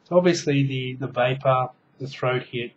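A man's voice: medium pitch, moderate pace, highs cut off. A man in his thirties casually demonstrating a gadget at home, rambling with many ums and restarts while his hands are busy. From Australia. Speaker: product reviewer. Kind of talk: casual show-and-tell review. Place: small room indoors at home. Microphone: webcam mic at close range.

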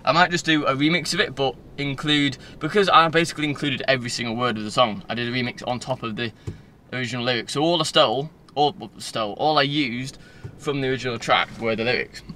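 A sharp-toned, medium-pitched male voice talks at a quick pace with few pauses and fairly even intonation. The speaker is a Northern English vlogger in his twenties, casual and digressive, filming on a phone at arm's length in a car. Faint car-interior noise is audible.

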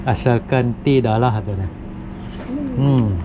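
This fishing vlog has a young Malay-accented Malaysian man talking cheerfully to "guys" while fishing at night on a wooden platform over the sea, shot on an action cam. His mid-range voice moves at a slow pace. The highs are cut off and there's noise behind him.

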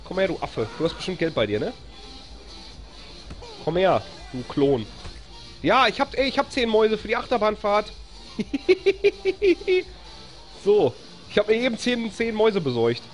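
A gamer with a German accent live-streams an excitable let's-play, cheering, laughing a lot and grumbling when the game gets stuck. His mid-range voice moves at normal speed with frequent pauses, and faint music plays behind.

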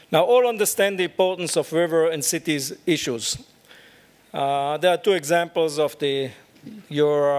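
Middle-aged male keynote speaker, slightly high voice, halting delivery with lots of fillers, podium mic in a big hall. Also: smooth. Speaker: keynote speaker, urban planner. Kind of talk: conference keynote lecture. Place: large dark lecture hall at a podium. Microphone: podium microphone.

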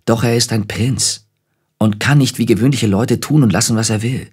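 A man reading a children's audiobook, voicing an earnest young nobleman giving his sister protective advice, with a husky voice. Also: medium pitch, normal speed, a little mellow, lightly acted. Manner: earnest and advising.

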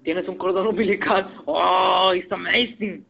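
A man's voice: sits high, fairly even intonation, measured pace, creaky. Guy doing let's play commentary, goofy, squeals a lot, kinda lo-fi. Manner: playful, joking, yelps and squeals in panic. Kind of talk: casual gameplay commentary. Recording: dull lo-fi recording over game music.

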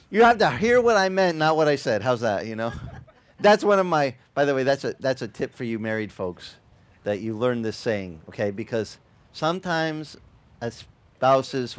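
A middle-aged pastor, Italian by first language, preaches a sermon on a beach through a headset mic. His mid-range voice carries a lively, conversational style packed with joking asides.

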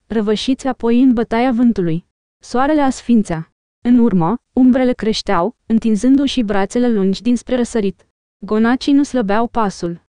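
A woman narrates an audiobook in a measured, even reading. Her voice is smooth and mellow and sits fairly high. The recording is close and dry, with no room sound. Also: no echo. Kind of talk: scripted narration.

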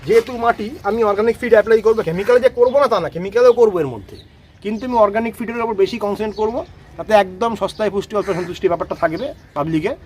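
A man's voice: high-pitched, very fast, darkish tone, slight background noise. A man explaining rose potting outdoors in a casual, explanatory way, often checking that listeners follow. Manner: explanatory, repeats "ঠিক আছে?" to check understanding. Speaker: rose gardening expert.

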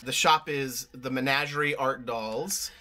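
A man in his thirties chatting casually as a vlog co-host, explaining things in a halting way as he thinks aloud. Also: medium pitch, fairly even intonation, pushed and bright. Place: indoor room full of collectibles.

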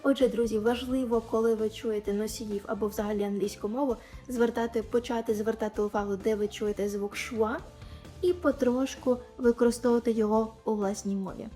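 A woman with a Ukrainian accent teaching English pronunciation, saying example sounds slowly and clearly, with faint music behind. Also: a little high, fairly even intonation, dark tone. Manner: clear, demonstrative, over-articulating example sounds. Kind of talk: pronunciation lesson.

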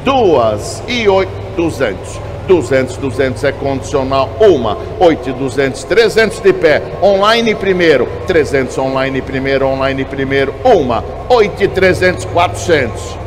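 A man's voice: mid-range voice, animated, normal speed, hardly any pauses, music in the background. A Brazilian man working as an auctioneer, chanting bids in short, repeated number phrases. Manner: repetitive bid calling, clipped number phrases.

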